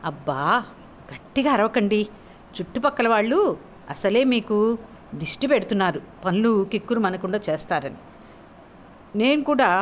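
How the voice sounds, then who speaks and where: A woman's voice: medium pitch, slight background noise, lightly acted. A woman voicing a sweet-talking, teasing young wife in a spoken story, her tone sugary and mock-pleading.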